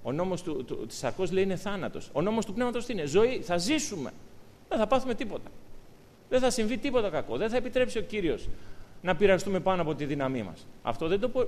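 A man preaching a sermon to his congregation, talking with lively, emphatic rises. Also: sits high. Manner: animated, rising to emphatic peaks. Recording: long hall reverb.

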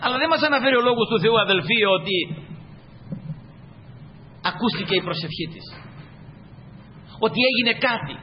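High-pitched animated male preacher. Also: long pauses, slight background noise. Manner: emphatic, constantly addresses the brothers. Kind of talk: sermon. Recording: dull echoey hall recording.

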